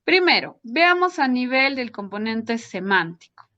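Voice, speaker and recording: A woman's voice: fairly high pitch, big pitch swings, unhurried, sharp tone. A woman lecturing, explaining step by step and checking in with her audience through short tag questions. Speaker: psychology lecturer. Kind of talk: academic lecture. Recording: dull lo-fi audio.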